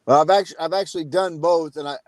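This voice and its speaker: A man's voice: on the high side, steady tone, fast talker, no echo. Plain-spoken middle-aged male coach, dry sound. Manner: many uh fillers, plain-spoken. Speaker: college basketball coach. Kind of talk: casual interview answers.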